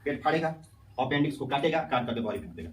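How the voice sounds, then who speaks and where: Fast-talking male teacher. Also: mid-range voice, sing-song. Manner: quizzing students with repeated questions. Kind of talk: classroom lecture with call-and-response. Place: classroom. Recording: echoey classroom, mic at a distance.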